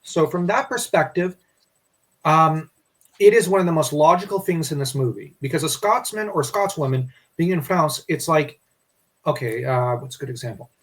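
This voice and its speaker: Casual co-host, male, slightly high voice, loose and rambling delivery. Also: normal speed, breathy edge. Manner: rambling, restarts often. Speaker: podcast co-host. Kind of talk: casual history discussion.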